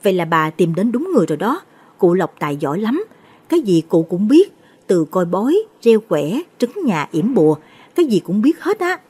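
A woman voicing a chatty young female tea-stall seller, eager and gossipy, with a breathy voice. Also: medium pitch, very animated, moderate pace. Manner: eager, gossipy, hushed when confiding.

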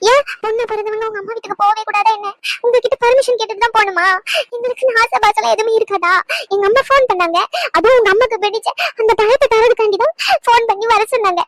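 A woman's voice: extremely high pitch, a bit bright, dry recording. A woman voicing a tearful young pregnant wife in a cartoon, pleading and complaining. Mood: aggrieved.

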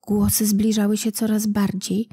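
A woman narrating a storybook legend in a calm, unhurried reading voice. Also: mid-range voice, breathy edge, no echo, studio quality. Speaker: audiobook narrator.

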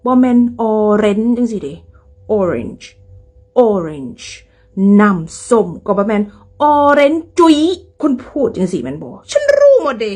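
A woman's voice: medium pitch, huge pitch swings, a little fast, hardly any pauses, warm tone, breathy edge. A woman with an Isan Thai accent teaching English pronunciation in a playful, teasing way. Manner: playful, teasing, mixes in dialect. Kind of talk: casual video lesson.

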